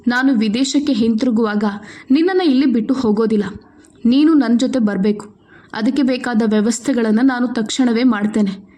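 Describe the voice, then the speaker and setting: Earnest, protective young husband in a storybook, voiced by a woman with a high voice. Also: moderate pace, dark tone, natural voice. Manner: earnest, pleading.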